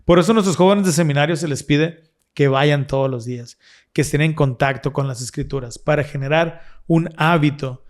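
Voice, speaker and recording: A man's voice: fairly high pitch, fairly quick. A man co-hosting a casual religious discussion, explaining earnestly and restarting his phrases often. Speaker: podcast co-host.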